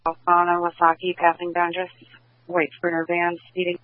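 A man speaking as a radio dispatcher, flat and clipped, over a tinny radio line. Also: high voice, moderate pace, dry recording.

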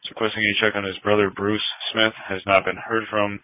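A man working as an emergency dispatcher, giving flat, businesslike call-outs heard over a two-way radio. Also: fairly low pitch, fairly quick, no echo. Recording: tinny, dry radio transmission.

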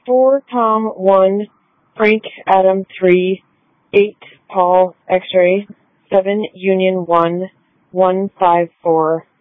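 A woman on a police radio transmission spelling out codes in the phonetic alphabet, deliberate and procedural. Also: medium pitch, steady tone, dry recording. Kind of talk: radio dispatch traffic. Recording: tinny narrowband two-way radio.

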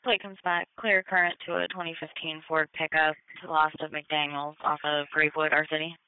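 An emergency dispatcher on a police radio channel, giving terse replies and reading out radio codes briskly. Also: mid-range voice, flat delivery, smooth, no room sound. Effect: crackly police radio transmission. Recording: tinny radio band, dry.

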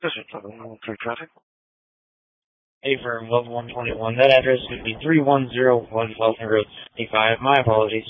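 A man's voice: medium pitch, flat delivery, a little fast, no echo. Man on buzzy, glitchy dispatch radio. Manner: clipped, reads out numbers and addresses. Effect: buzzy, glitchy two-way radio transmission that cuts out. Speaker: field unit on a dispatch radio channel. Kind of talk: terse radio dispatch exchange. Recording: tinny, dry radio channel.

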